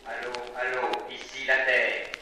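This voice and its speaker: An actor playing a calm male ground-control operator whose voice comes over a radio link from Earth in a vintage radio drama. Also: mid-range voice, unhurried, noisy background. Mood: steady. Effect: voice heard over a radio link from Earth. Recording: echoey, distant radio transmission.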